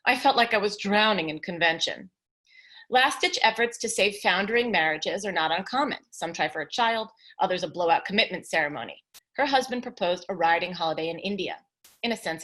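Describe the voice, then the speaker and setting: A woman author reading an excerpt of her nonfiction book aloud in a measured literary manner, with brief casual asides, over a video call. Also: medium pitch, animated, a bit bright.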